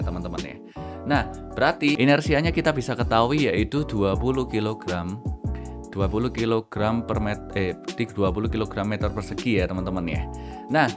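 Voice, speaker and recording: A man with a fairly low voice hosts a casual educational stream. He talks chattily, explaining as he goes and addressing viewers like friends. Guitar music plays clearly behind him. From Indonesia. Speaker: VTuber host of an educational reaction stream.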